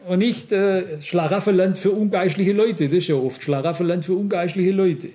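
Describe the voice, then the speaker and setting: An older man with a Swabian accent preaches in a loose, conversational way, his voice sitting a bit high. He keeps turning to the congregation and hammers his points home by repeating them. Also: normal speed, warm tone. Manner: conversational, emphatic, repeats himself, addresses listeners directly. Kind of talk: informal sermon.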